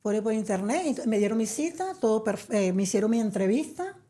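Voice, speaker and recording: A woman's voice: on the high side, animated, a little fast, warm tone. A middle-aged woman from Venezuela, telling her story as a guest in a chatty interview, with many fillers. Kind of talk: conversational interview.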